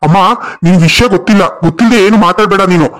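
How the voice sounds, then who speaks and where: A man's voice: sits high, racing, natural voice. A man voicing a stern adult family man in a cartoon story, blunt and scolding. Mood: angry. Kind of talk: cartoon voice acting.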